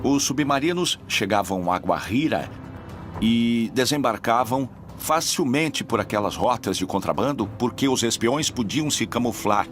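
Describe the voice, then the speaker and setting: A man's voice: mid-range voice, animated, a little slow, natural voice. A man voicing dubbed documentary commentary in a storytelling manner. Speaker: voice-over dubber of an interviewee. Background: music.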